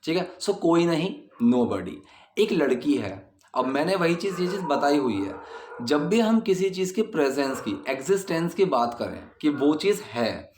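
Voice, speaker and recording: A man's voice: fairly high pitch, very animated, a little mellow, reverberant, a little hiss or hum. Patient man teaching English grammar. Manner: explains patiently, repeating example sentences slowly. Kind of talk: explaining grammar in a video lesson. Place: indoors at night, dogs barking outside.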